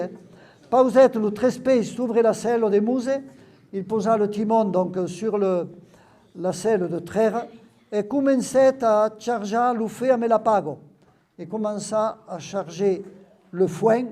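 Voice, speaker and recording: A man's voice: high voice, dark tone. A man reads lines aloud at a live event and explains each word to the audience, with frequent "hein?" and "voilà". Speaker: Occitan language presenter.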